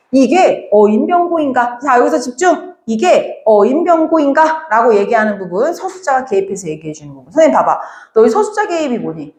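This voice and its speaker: A woman teaching a Korean literature class, lively and talking straight to her students, now and then acting out the characters' lines. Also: on the high side, echoey room. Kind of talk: classroom lecture.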